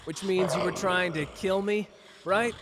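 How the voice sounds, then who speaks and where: Man acting Gojo, cocky high-voiced flirty sorcerer. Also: steady tone, unhurried. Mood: alarmed, angry. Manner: playful, smug, drawling, teasing. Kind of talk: anime character roleplay audio drama. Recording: reverberant hall, audible background noise.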